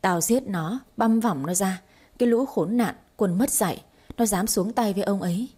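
A woman's voice: medium pitch, moderate pace, mellow, breathy edge, lightly acted. A woman voicing an older widow, grieving and furious, speaking harshly and cursing. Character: grieving furious old widow, coarse and loud.

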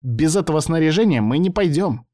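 A man voicing an irritable male professor who lives inside a laptop, shouting orders and sneering. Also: fairly high pitch, lively intonation, fairly quick, voice pushed up, lightly acted. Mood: furious.

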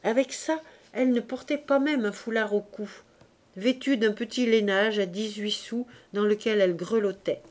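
A woman reading a novel aloud in a measured, even narration. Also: mid-range voice. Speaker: audiobook reader.

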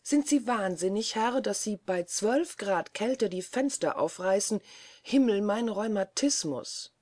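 A woman voicing a shrill, indignant elderly spinster in a storybook, shrieking in outrage. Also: expressive, measured pace, darkish tone. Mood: outraged.

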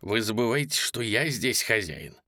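A man voicing a sullen, contemptuous commissar who speaks with quiet, hissing menace. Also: lowish voice, very animated, moderate pace, no room sound, studio quality, distant mic. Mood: menacing.

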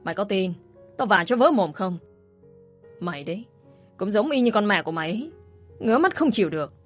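A woman's voice: medium pitch, expressive, moderate pace, faint music behind, lightly acted. Woman reading as a spiteful scolding young woman. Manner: harsh, scolding. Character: spiteful scheming young woman, shrill bully.

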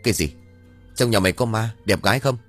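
A man's voice: fairly low pitch, brisk, faint music behind, natural voice. A man voicing a grumpy, crude old village exorcist who curses and grumbles. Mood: teasing. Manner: gruff, cursing, bossy.

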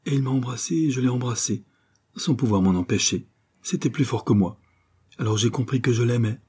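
A man's voice: mid-range voice, brisk, dark tone, husky, voice pushed up, natural voice. A man reading an audiobook voices a young woman torn by love, with a trembling, plaintive delivery. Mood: pleading.

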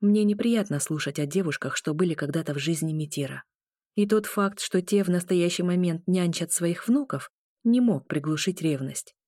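A woman reading a novel aloud as a first-person narrator, in a measured storytelling manner. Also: fairly low pitch, warm tone, no echo, clean studio sound. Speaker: audiobook narrator.

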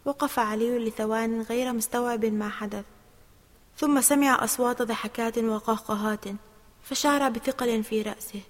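A woman narrating a children's storybook in an expressive, steady reading voice. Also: on the high side, normal speed, in a large hall.

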